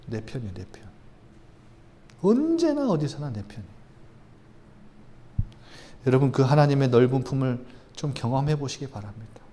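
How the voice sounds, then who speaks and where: A man's voice: medium pitch, dark tone. A man preaching a sermon as a pastor in a church, emphatic and conversational, with sudden rises in intensity.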